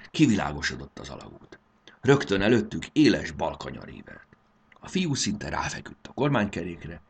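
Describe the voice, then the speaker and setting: A man narrating a children's story in an expressive, animated reading. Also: extremely low pitch, vocal fry, slight background noise. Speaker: audiobook narrator.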